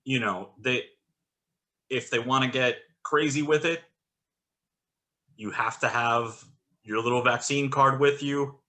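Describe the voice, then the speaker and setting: A man's voice: medium pitch, measured pace, pauses often, pushed and bright. A man co-hosting a podcast in casual chat, giving blunt and exasperated opinions. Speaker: podcast co-host. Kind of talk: casual chat about wrestling.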